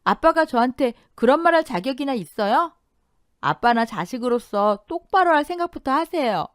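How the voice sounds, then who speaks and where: A woman's voice: high-pitched, big pitch swings, moderate pace, dry recording, studio quality, pitched above the performer's own voice. A woman voicing an outspoken teenage granddaughter who pleads and stands up to her father in an audio drama. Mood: defiant. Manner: pleading, defiant.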